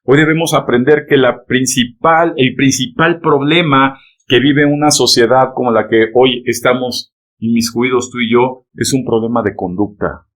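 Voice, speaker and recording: A pastor delivers a sermon in a steady, medium-pitched voice at a moderate pace. Addressing the congregation head-on, he preaches emphatically, sprinkling in rhetorical "¿verdad?" and "¿amén?" and telling everyone to turn to each other.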